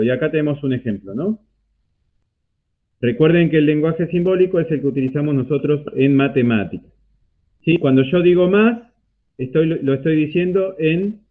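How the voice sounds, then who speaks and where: A man with an Argentine accent teaching a math class online, explaining step by step and checking in often with a rising "¿sí?". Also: a little high. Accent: Argentine Spanish. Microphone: computer mic on a video call. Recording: tinny phone-like video call audio.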